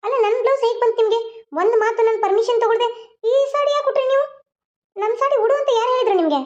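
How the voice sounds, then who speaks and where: An indignant young cartoon wife, played by a woman, scolding her mother-in-law. Her voice sits high and the words come quickly. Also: level tone, darkish tone, highs cut off. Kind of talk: cartoon voice acting.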